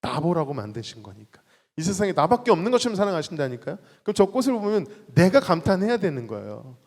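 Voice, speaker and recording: A man's voice: sits high, quick pace. A man leading worship and preaching playfully in a church sanctuary, calling out to the congregation and acting out little quotes. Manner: animated, playful, exclaims and acts out quotes. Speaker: worship leader. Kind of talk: lively sermon with audience call-and-response. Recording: reverberant church hall.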